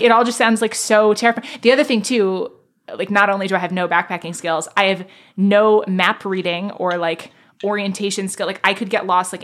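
A woman's voice: mid-range voice, fairly bright tone. A woman from Manhattan with an American accent, chatting casually in a bubbly, self-deprecating way, peppering her sentences with "like". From Manhattan, New York. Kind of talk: casual conversational chat.

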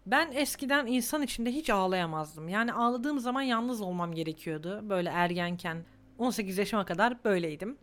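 Sometimes on the verge of tears, a twenty-something podcast host opens up candidly in a reflective solo monologue. She talks fairly quickly, with lively intonation at a medium pitch.

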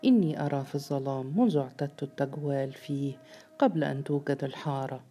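A woman's voice: a bass voice, fast talker, warm tone, soft background music. Woman voicing an ancient mysterious giant grandfather. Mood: solemn.

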